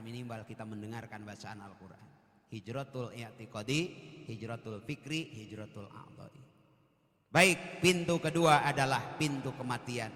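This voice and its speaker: Sundanese guy preaching n cracking jokes, sharp bright voice, big echoey hall. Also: medium pitch. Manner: jokey, swings from loud calls to quiet asides. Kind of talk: humorous sermon to a congregation. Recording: echoey hall with long reverb.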